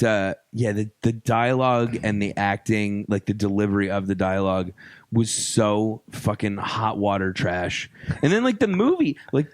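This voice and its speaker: A man's voice: fairly low pitch, no room sound. A man co-hosting a podcast in casual chat, cursing freely, rambling and joking with many restarts. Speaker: podcast co-host.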